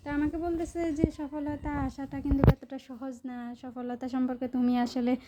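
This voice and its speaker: A young Bangladeshi woman chatting to her viewers while she works in her village garden, rambling and casual, sometimes slow and soft. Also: high voice, fairly even intonation, heavy background noise. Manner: speaks slowly and softly on purpose at times. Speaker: village vlogger. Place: outdoors in a village vegetable garden.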